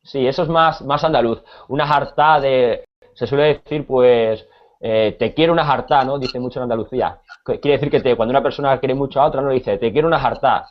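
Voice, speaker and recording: A man from Spain with a Spanish accent, teaching a conversational Spanish lesson, pausing often with repeated words and fillers. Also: medium pitch, fairly even intonation, muffled recording.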